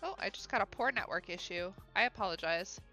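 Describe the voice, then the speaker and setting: With soft music in the background, a live-streaming illustrator from Ohio chats as she draws, reading viewer comments aloud. Her Midwest-accented, mid-range voice is expressive, a little fast, creaky, pushed and bright, and her upbeat talk is sprinkled with fillers and giggles.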